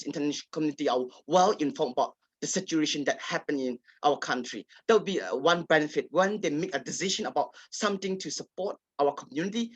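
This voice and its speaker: A local journalist from Kachin State, Myanmar, whose first language is Kachin, answers a question on a panel. His voice is a little high and husky, recorded dry and close with no room sound. He speaks haltingly, with many fillers and restarts.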